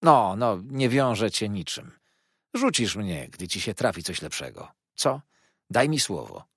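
A fond, eager old scholar coaxes his former pupil along, as a man reads him aloud. His husky, lowish voice rises and falls with warm animation. The storybook telling keeps him gentle and fatherly. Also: very animated, unhurried, dry recording, clean studio sound, heavily acted. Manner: fond, coaxing old teacher's talk. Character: kindly elderly male scholar, warm and eager.

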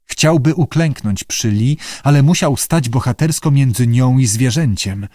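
A man reading a novel aloud as narrator, with steady, measured delivery. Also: medium pitch, no room sound, clean studio sound. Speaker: audiobook narrator. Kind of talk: scripted narration.

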